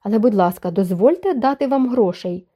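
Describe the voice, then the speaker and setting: A woman voicing a kind, generous noblewoman who speaks softly and insistently. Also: mid-range voice, expressive, brisk, close to an everyday voice. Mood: gentle. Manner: soft, pleading.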